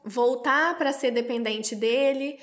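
Brazilian lady telling her story in an interview, kinda high voice, acts out the quotes. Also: takes it slowly. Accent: Brazilian Portuguese. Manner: animated, acts out quoted voices with jumps in pitch. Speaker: interview guest. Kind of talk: personal storytelling in conversation.

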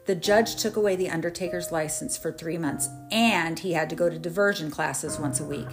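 A woman with a fairly low voice narrates a story with wry, dramatic timing. Clear music plays under her narration throughout. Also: moderate pace. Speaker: podcast host.

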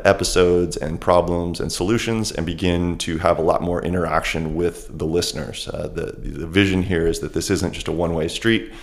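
Male podcast host, deep register, casual unscripted solo intro, slightly halting delivery.

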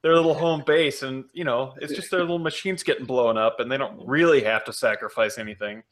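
A man's voice: medium pitch, fairly even intonation, brisk, fairly bright tone. A man co-hosting a podcast, chatting casually and telling stories with laughter and animation. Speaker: podcast co-host. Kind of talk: casual chat.

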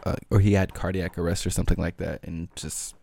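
Low-voiced man hosting a casual podcast. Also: fairly even intonation, fast talker, gravelly, mellow, no room sound. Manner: loose, rambling, slangy talk full of "like". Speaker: podcast host. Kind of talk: casual solo podcast chat.

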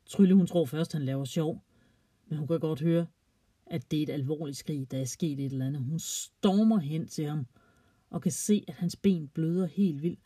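Mellow, husky storyteller. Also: mid-range voice, no echo. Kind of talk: children's story reading.

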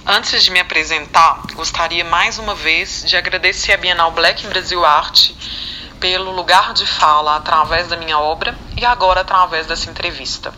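A young adult woman from Minas Gerais, Brazil, an artist speaking as a podcast guest in a calm, deliberate way. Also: fairly low pitch, slight background noise, rough recording. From Belo Horizonte, Minas Gerais, Brazil. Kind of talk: prepared self-introduction.

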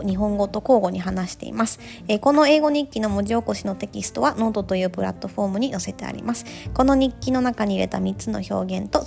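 A Japanese woman hosting a casual bilingual podcast, talking with many fillers and reading her English lines slowly and carefully. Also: medium pitch, vocal fry, darkish tone. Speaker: podcast host. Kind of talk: bilingual language-learning podcast. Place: home in Australia.

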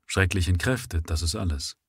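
A man voicing a brisk, matter-of-fact doctor. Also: sits low, expressive, slightly rough, no room sound, clean studio sound, exaggerated voice. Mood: dismissive.

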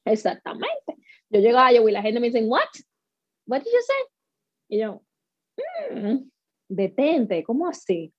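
Her voice is on the high side and husky, swooping wildly in pitch as she speaks unhurriedly with long pauses. A speaker and workshop leader from the Dominican Republic with a Dominican accent, she is a guest in a conversational interview, telling stories animatedly and acting out lines she quotes. The recording is slightly dull and dry, with no echo.

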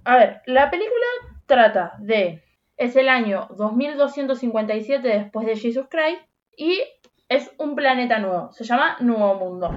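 A slangy Rioplatense woman tells her story bluntly and with animated flair in relaxed podcast chat. Her voice sits a touch high, and the recording has a slightly dull, lo-fi sound. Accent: Rioplatense Spanish. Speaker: podcast co-host. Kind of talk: casual chat.

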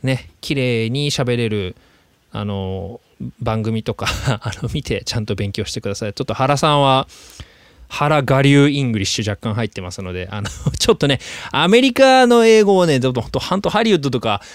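A man hosting a podcast, talking in a chatty, animated way with drawn-out fillers. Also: mid-range voice, dry recording. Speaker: podcast host. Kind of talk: casual podcast monologue. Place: lives in Sydney.

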